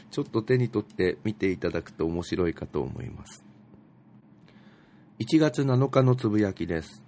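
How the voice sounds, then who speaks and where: A man's voice: low voice, mellow, slight background noise. A man casually reading out posts and musing on them, with many fillers and asides. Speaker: radio host reading out tweets. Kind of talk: casual talk show reading.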